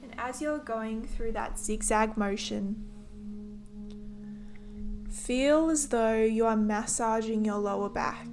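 A woman guides a body-scan meditation in a gentle, soothing way. Her voice sits a little high and moves at a very slow pace, in short instructing phrases. Soft music plays behind her.

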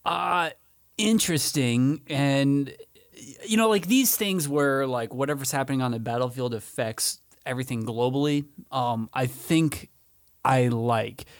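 A man's voice: mid-range voice, a little slow, no room sound, clean studio sound. A man co-hosting a podcast in casual chat, laid-back, mostly giving short agreeing replies. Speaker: podcast co-host.

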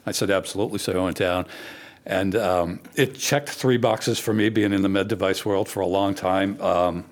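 Low-voiced man explaining his startup. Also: moderate pace. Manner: explanatory, rises in pitch when animated. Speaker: startup founder guest. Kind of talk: casual podcast conversation.

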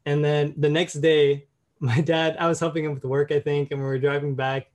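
Young man, higher pitch, casual reflective talk, frequent fillers. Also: little pitch movement, moderate pace, darkish tone. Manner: reflective, many fillers like "you know". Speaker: storyteller.

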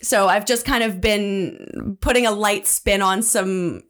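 A young woman from Canada talking as a podcast guest in an upbeat, expressive, animated way. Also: mid-range voice, slow pace. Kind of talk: casual chat.

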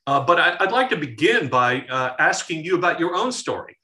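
A man who hosts the program and is a pastor, introducing and questioning a guest in a measured way with frequent fillers. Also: on the high side, big pitch swings, sharp tone. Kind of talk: interview hosting.

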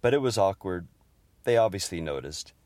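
A middle-aged man fondly narrating humorous family memories in a gentle storytelling manner. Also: deep voice, lively intonation, moderate pace, no echo. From Houston, Texas area. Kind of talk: personal memoir narration.

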